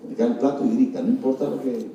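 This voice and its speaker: A man's voice: mid-range voice, steady tone, very fast, dark tone, highs cut off, slight background noise. A man preaching a sermon as pastor, calling out to the congregation and acting out frightened shrieks. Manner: preaching with call-outs to the congregation; acts out frightened shrieks in quoted voices. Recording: very echoey hall, mic at a distance.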